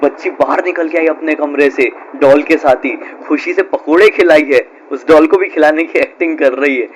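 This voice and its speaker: A man's voice: fairly high pitch, normal speed, slight background noise. A man telling a horror story in a casual, chatty way, full of fillers. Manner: chatty, conversational, with frequent fillers.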